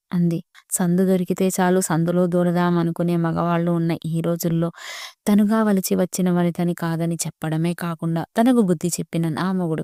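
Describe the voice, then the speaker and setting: A woman reading a romantic story aloud as narrator, speaking all the characters' lines in a steady, even reading voice. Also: fairly low pitch, smooth, dry recording, studio quality.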